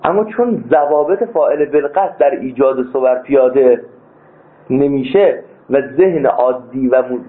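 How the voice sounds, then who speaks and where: A man teaching a philosophy class as a seminary lecturer, stressing key points with sudden leaps in pitch. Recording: tinny phone-like sound.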